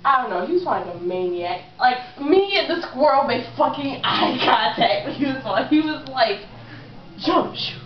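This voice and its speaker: A woman's voice: high-pitched, expressive, fairly quick, few pauses, reverberant, a little hiss or hum. A woman telling a comic story to her cousins in a casual, profane way, often breaking into laughter, recorded from a distance in a lo-fi home video.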